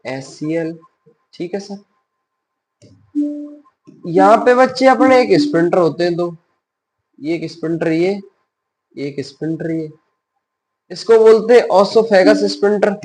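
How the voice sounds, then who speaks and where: Male teacher with a high voice, giving a biology lesson, quizzing the class and answering himself softly. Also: slow pace, pauses often. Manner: asks questions and answers them himself in a softer voice; mixes in English science terms.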